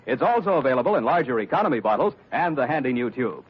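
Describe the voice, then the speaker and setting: A male radio announcer reads a commercial and closing credits in a polished, emphatic salesman style, talking fast with big pitch swings and a breathy edge in his mid-range voice. The recording is a muffled vintage radio broadcast with faint music.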